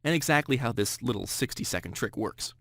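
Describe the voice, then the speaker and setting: A man's voice: medium pitch, lively intonation, brisk, vocal fry, fairly bright tone, dry recording. Man in his thirties, dry close voice. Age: 30s. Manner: earnest storytelling, dramatic emphasis. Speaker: sales narrator. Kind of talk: scripted first-person sales pitch.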